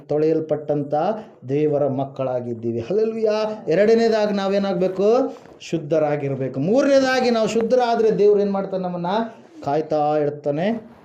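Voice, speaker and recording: A man's voice: sits high, dark tone. A male pastor preaching a sermon, asking the congregation questions and answering them himself, with frequent hallelujahs. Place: house church room. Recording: echoey room, dull lo-fi sound.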